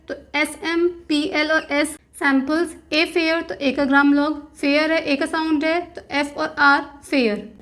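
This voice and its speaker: Slow, high-voiced woman teaching shorthand. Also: a bit bright. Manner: spells out strokes and repeats each word. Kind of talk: step-by-step dictation lesson.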